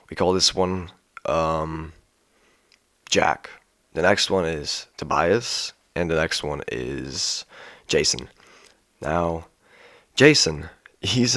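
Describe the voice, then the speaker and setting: A sick young man telling a casual story in a flat monotone voice, full of ums and restarts. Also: deep voice, dry recording, studio quality. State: sick, coughing. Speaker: vlogger.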